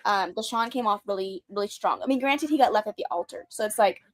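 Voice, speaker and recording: A woman's voice: mid-range voice, fast talker, no room sound, clean studio sound. A woman co-hosting a book club chat, giving blunt, wry opinions and acting out characters' lines. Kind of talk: casual chat.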